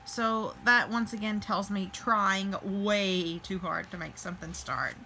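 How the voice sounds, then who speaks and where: A woman's voice: mid-range voice, a little slow, sharp tone, a little hiss or hum, low-quality recording. A woman giving a casual tarot reading to her viewers, chatty and thinking aloud with fillers and restarts. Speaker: tarot reader.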